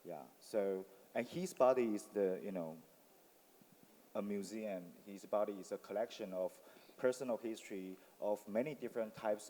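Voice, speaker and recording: Male panelist, low mellow voice, reflective and explanatory, reverberant hall. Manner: reflective, explanatory, many fillers. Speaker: artist on a panel. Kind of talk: panel talk. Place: forum venue with audience.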